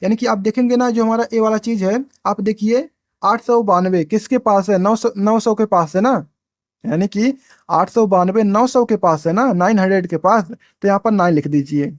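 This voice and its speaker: A man talks through a maths lesson in a high voice. He poses questions and answers them himself, repeating each step and dropping lower on single numbers. The sound is dry and close. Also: moderate pace, no echo. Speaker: maths teacher. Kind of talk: explaining at a board, step by step.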